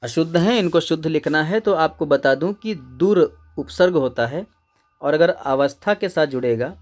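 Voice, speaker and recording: Male exam-prep teacher, slightly high voice, patient step-by-step explainer who repeats key words. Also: expressive, moderate pace, soft background music. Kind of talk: exam answer-key lecture.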